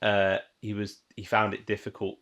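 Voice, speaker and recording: A man's voice: fairly low pitch, completely flat delivery, normal speed, a bit bright, highs cut off. A man co-hosting a podcast, chatting casually with teasing, incredulous banter. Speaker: podcast co-host. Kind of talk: casual chat.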